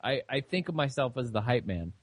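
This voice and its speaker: A young man co-hosting a casual podcast chat, talking in a halting way with lots of fillers and restarts. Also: medium pitch, sing-song, dry recording. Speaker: podcast co-host.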